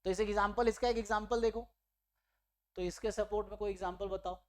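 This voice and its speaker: The teacher is an Indian man whose high-pitched voice stays fairly even in intonation as he speaks fairly quickly. In an online exam-prep maths class, he goes step by step, mixes in English terms, and checks in with his students.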